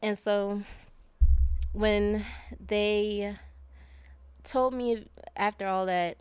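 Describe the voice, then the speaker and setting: A woman's voice: medium pitch, steady tone, drawn-out words, clean tone, no echo. A woman guest on a podcast, telling a personal story in a rambling, casual way with many fillers and self-corrections.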